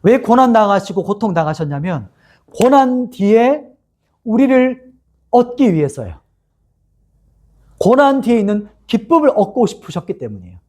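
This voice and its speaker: Male pastor, sermon, animated pitch, warm mellow tone, rhetorical questions to the congregation. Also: moderate pace, pauses often. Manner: storytelling with frequent rhetorical questions to listeners. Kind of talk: expository sermon to young adults.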